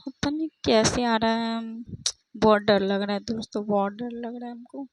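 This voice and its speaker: A woman's voice: fairly high pitch, steady tone, moderate pace, slight background noise. A young woman making a casual vlog at home at night, speaking fearfully and repeating herself to her viewers. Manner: fearful, repetitive, addressing viewers as friends. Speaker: vlogger.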